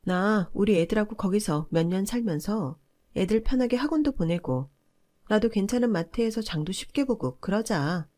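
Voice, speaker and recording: A woman's voice: mid-range voice, expressive, normal speed, dark tone, natural voice. A woman doing a bossy, condescending older sister-in-law. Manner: scolding, condescending. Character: bossy middle-aged sister-in-law, overbearing and entitled.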